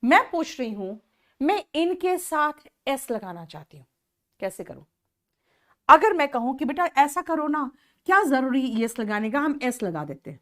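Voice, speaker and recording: Slow, lively woman teaching English. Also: sits high. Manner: explains slowly in Hindi mixed with English, praises students by name. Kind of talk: online class teaching.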